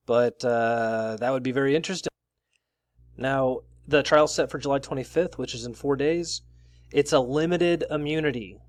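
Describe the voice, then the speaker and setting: A man's voice: mid-range voice, no room sound. A man hosting his own news commentary video, talking through stories casually and reading bits of articles aloud with his own asides. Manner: conversational, reads out article excerpts with asides.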